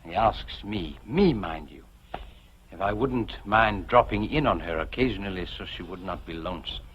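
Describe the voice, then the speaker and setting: A man's voice: sits low, expressive, moderate pace, a bit bright. An actor playing a brooding, lovesick young man, earnest and melodramatic in 1950s television drama style. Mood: weary. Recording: muffled, hissy 1950s television soundtrack.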